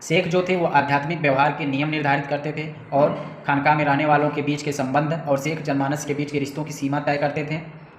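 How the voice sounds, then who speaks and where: A man's voice: fairly high pitch, level tone, a little fast, echoey room, slight background noise. A man giving a history lesson to students, asking questions and answering them himself, with frequent checks for understanding. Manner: repeats points with frequent "theek hai" checks. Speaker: teacher. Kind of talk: classroom-style history lecture.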